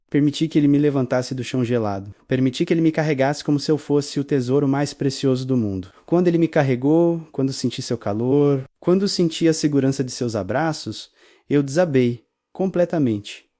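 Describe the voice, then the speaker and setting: A man's voice: medium pitch, warm tone, dry recording, studio quality. A man with a Brazilian accent narrating a first-person story in a solemn, emotional way.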